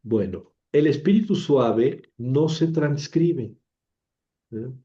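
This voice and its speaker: A man's voice: mid-range voice, animated, takes it slowly, dark tone, lo-fi sound. A man teaching Biblical Greek in a chatty, self-mocking lecture, repeating words to drill pronunciation. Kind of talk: informal classroom lecture.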